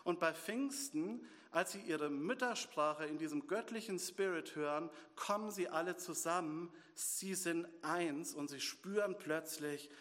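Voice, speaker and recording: A man preaching a sermon as pastor, lively, asking rhetorical questions and answering them himself. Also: a little high, measured pace, few pauses. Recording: long reverb of a hall.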